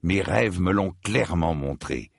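A man's voice: sits low, expressive, measured pace, vocal fry, no echo, clean studio sound, full character voice. Man doing a dreamy, grandiose fiddler. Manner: airy, dreamy, theatrical. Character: odd dreamy young male fiddler, grandiose and whimsical.

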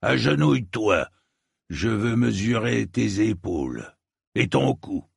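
A man doing a gruff, proud armorer. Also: on the low side, expressive, takes it slowly, no echo, studio quality, exaggerated voice. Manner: gruff, blunt, matter-of-fact. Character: stocky proud bearded male armorer, blunt.

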